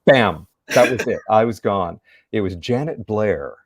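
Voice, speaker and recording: An older theater actor from San Diego, United States, chats as a guest in a casual interview, telling stories in a reflective, rambling way. His voice is fairly low, expressive and unhurried, with a slight hiss or hum.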